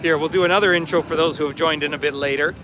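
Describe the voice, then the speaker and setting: A Canadian-born man hosting a live walking-tour stream outdoors, chatty and quick to laugh. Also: fairly high pitch, noisy background. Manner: chatty, laughs often, animated. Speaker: vlog host. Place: outdoors on a busy city street. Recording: music playing behind.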